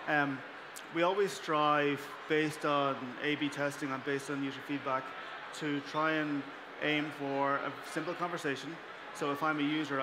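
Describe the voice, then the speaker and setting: A man giving a podium speech at a conference demo, measured, with pauses inside his sentences. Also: a little high. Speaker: company founder presenting a demo. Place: on stage at a live event. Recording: noisy live stage sound.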